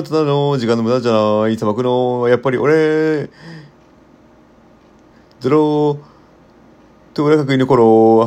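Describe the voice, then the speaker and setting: A man voicing a gruff, touchy talking mouse in a storybook reading, speaking roughly and bluntly. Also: medium pitch, darkish tone, lightly acted.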